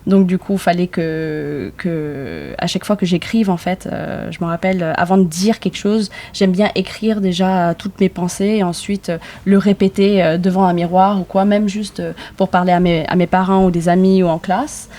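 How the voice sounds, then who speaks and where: Hesitant young woman, soft and mellow. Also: on the low side, normal speed, few pauses. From Vietnam. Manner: hesitant, many fillers, thinks aloud. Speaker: guest, author. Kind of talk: casual interview conversation.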